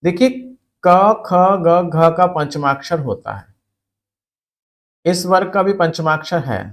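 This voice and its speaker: Slow, patient male teacher. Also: on the high side, lively intonation. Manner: slow, explaining step by step, repeats words for emphasis. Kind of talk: spelling and grammar lesson for exam students.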